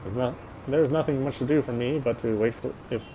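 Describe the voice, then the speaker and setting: Here the streamer's voice is mid-range, mellow and a little quick, captured in poor audio with slight background noise. He reads the visual novel's narration aloud, throws in side comments, and sometimes stumbles, repeating words.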